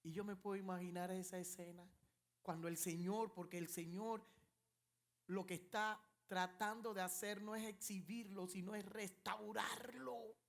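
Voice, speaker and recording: A male pastor preaching an impassioned, dramatic sermon. He moves between loud passages and hushed ones. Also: sits high, steady tone, normal speed.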